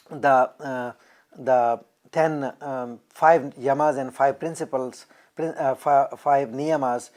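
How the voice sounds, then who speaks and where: A man with an Indian English accent speaks in a documentary interview. He explains things carefully, pausing often on fillers. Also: medium pitch, a little mellow. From New Delhi, India. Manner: measured explanation with frequent fillers. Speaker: temple member.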